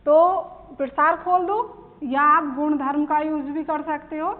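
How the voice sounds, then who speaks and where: A woman's voice: high-pitched, steady tone, measured pace. A woman maths teacher working through problems step by step, asking questions and answering them herself. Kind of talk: classroom lesson. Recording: tinny phone-like sound with long reverb.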